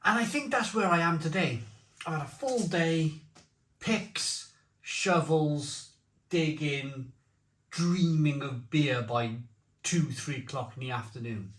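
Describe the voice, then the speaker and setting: A man's voice: a little high, slow, a bit bright. A man giving a casual, rambling review to camera, repeating phrases for emphasis. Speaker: beer and snack reviewer. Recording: roomy echo.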